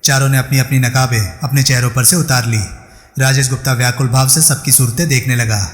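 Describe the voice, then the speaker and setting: A man's voice: medium pitch, fairly quick. Man narrating a thriller audiobook. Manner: steady storytelling. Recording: echoey room with long reverb.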